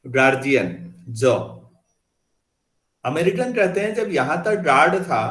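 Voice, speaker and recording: A man's voice: high voice, echoey room. A man teaching a class in a conversational way, often asking his students questions. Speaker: math teacher. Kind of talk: classroom lecture.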